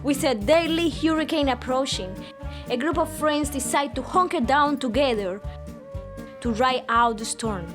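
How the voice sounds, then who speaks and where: A Cuban woman with a Cuban Spanish accent narrates a comedic movie trailer in an over-the-top, mock-grand announcer style. Her voice is high and a little slow, and music plays beneath it.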